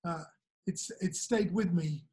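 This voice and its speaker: A man hosting an interview over a video call, speaking in a hesitant, halting way with many fillers. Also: high voice, dark tone. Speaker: interviewer, host. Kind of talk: conversational interview. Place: small indoor room, video call. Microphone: webcam on a video call.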